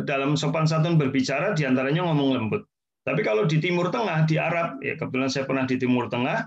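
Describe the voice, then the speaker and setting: A man giving a relaxed religious lecture, explaining points repetition and friendly asides. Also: a little high, gravelly. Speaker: Islamic teacher. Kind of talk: casual sermon lecture. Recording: dull lo-fi sound.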